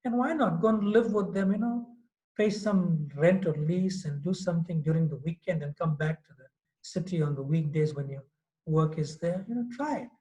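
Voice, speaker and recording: A man's voice: a little high, normal speed, dark tone, poor audio. A man nearing sixty giving a devotional lecture in a loose, conversational way, often saying "you know". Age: 50s. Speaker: swami giving a class. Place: Mauritius.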